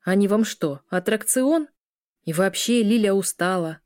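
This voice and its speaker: A woman's voice: mid-range voice, expressive, measured pace, darkish tone, no echo, studio quality, natural voice. A woman voicing a possessive werewolf husband who speaks in curt, commanding orders.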